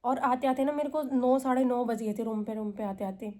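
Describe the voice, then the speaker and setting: A woman's voice: fairly high pitch, a little fast, darkish tone. A young woman. She chats to camera as a vlogger, telling a long story in a loose, conversational way. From India. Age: 20s. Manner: chatty, retells calls with quoted voices.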